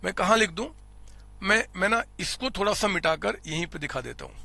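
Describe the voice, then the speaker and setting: A man's voice: sits high, animated, fairly quick, gravelly, sharp tone. A man teaching an accounting class, explaining step by step, repeating figures aloud and calling his students his children. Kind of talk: classroom lecture. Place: recording studio. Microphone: close studio mic.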